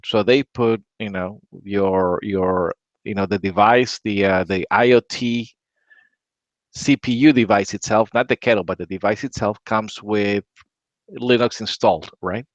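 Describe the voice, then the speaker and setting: Rambling low-voiced man, dull dry audio. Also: dry recording. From Latin America. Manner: rambling, repeats words, many "right?" tags. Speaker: podcast host. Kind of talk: casual tech chat.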